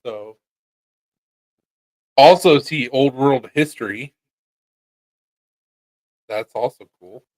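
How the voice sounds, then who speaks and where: A man's voice: mid-range voice, extremely slow, pauses often, a little mellow, dry recording, poor audio. An American man hosting a casual chat show, joking around in a crude, offhand way. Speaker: podcast host.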